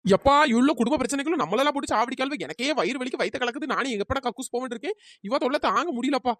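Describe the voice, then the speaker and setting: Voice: high-pitched, rapid-fire, fairly bright tone, no room sound, clean studio sound. A performer doing a whiny grumbling cartoon friend. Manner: whiny, complaining, sarcastic. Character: grumbling woman friend driving the scooter. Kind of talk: cartoon comedy voice acting.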